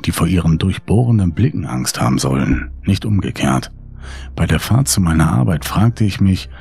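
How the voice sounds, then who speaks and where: A man narrating a horror story in a measured, somber way as a scripted audiobook reading. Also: sits low, vocal fry, a little mellow, slightly rough.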